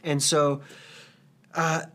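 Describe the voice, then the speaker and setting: A man in his thirties preaches with an earnest, conversational warmth, slipping easily into personal stories with a few casual fillers. His voice sits a little higher than most men's. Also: level tone, drawn-out words. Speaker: pastor. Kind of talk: sermon.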